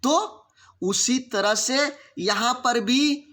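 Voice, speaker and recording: A man teaching an online exam-prep lesson, often checking the class with quick questions. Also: very high voice. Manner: lively, asks the class repeated check questions.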